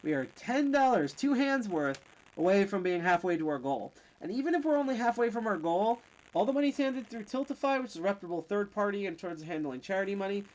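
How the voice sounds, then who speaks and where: A slightly tipsy game streamer chats casually while playing, rambling, joking, trailing off, and starting over. The voice is medium-pitched, darkish, very animated, and fast, captured on a low-quality recording.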